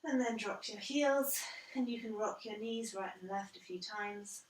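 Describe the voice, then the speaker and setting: A woman guiding a yoga class as instructor, calm and measured, step by step. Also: medium pitch, slight background noise. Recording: roomy echo, distant from the mic.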